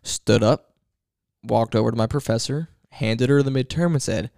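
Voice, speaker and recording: A man co-hosting a podcast, deadpan and wry, swearing casually as he tells stories. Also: medium pitch, normal speed, creaky, no room sound, clean studio sound. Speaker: podcast co-host. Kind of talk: casual chat.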